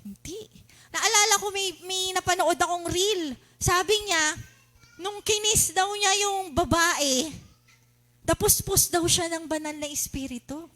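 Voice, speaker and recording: A woman preacher with a Filipino accent delivers a sermon in a very high, bright voice, unhurried yet full of animated energy. She keeps questioning the congregation and acts out shouting worshippers.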